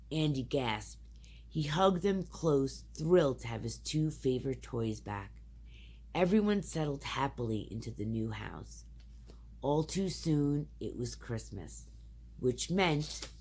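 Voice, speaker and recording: A young woman reading a children's storybook aloud to her child, in an expressive, sing-song way. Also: sits low, slightly rough.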